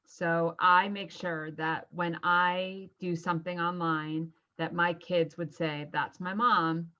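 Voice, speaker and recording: A woman's voice: on the low side, flat delivery, slow, bright, forceful tone. Chatty woman guest on lo-fi audio. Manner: chatty, laughs easily. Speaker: guest, social media strategist. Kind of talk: podcast interview.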